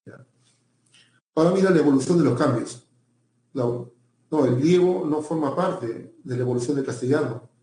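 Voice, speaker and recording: A man's voice: fairly high pitch, normal speed, pauses often, mellow, echoey room. A male teacher giving a pre-university language lecture, often repeating himself and checking in with his students.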